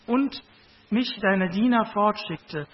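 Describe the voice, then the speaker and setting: A man reading out the lines of an eager young male messenger who reports to the king in a hurried, breathless way. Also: high voice, breathy edge, big-room sound, pitched above the performer's own voice, exaggerated voice. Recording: dull lo-fi recording.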